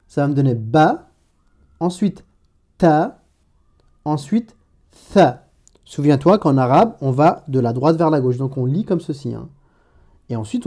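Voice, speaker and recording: A man teaching an online language lesson in a relaxed, informal way, addressing the learner directly and often pausing to restart his sentences. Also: fairly high pitch. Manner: informal, hesitant with many restarts and fillers. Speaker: Arabic teacher.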